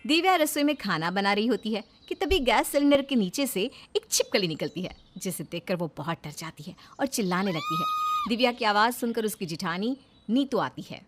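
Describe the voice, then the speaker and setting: A woman narrating a household drama in an even storytelling way. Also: medium pitch, fairly quick, a little hiss or hum.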